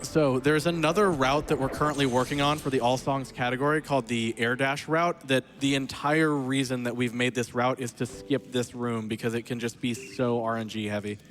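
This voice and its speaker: A man's voice: medium pitch, fairly even intonation, normal speed, few pauses, music in the background. Guy doing live speedrun commentary while playing, casual and chatty, explains stuff, bit playful. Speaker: speedrunner narrating own run.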